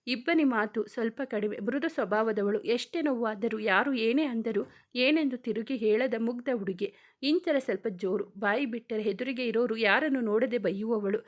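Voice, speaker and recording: Woman reading a romance story aloud. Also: a little high. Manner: steady, even reading. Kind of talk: scripted story narration.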